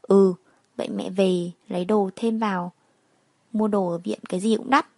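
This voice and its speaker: Anxious middle-aged mother, plain-spoken, mid-pitched and dry , read by a woman narrator. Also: steady tone, normal speed, vocal fry, dry recording. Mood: weary.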